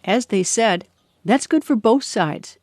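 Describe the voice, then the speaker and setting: A woman's voice: a little high, lively intonation, takes it slowly, darkish tone. Woman narrating a documentary.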